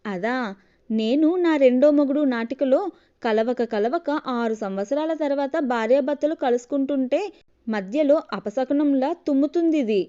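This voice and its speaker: A naive young wife hooked on TV dramas, sulky and theatrical, snapping and lamenting in turns, played by a woman storyteller. Her voice is warm and mellow, a bit high, in a dull lo-fi audio story. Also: normal speed, close to an everyday voice. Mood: melodramatic. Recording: dull lo-fi recording.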